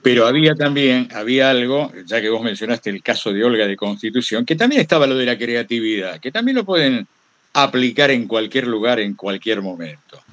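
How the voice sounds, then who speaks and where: A man with a Buenos Aires Argentine Spanish accent, an interview guest and radio host, tells anecdotes at a public talk, digressing and correcting himself along the way. His medium-pitched voice is expressive, a little fast and a bit bright, though the audio sounds dull.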